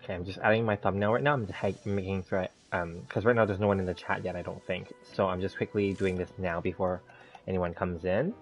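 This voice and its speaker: Low-voiced man lisping from a bitten tongue. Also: fairly even intonation, quick pace. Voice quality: slight lisp from a bitten tongue. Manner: rambling step-by-step self-narration. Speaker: live-streaming game host. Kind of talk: casual gameplay livestream chat. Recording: dull, lo-fi sound, background music. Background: music.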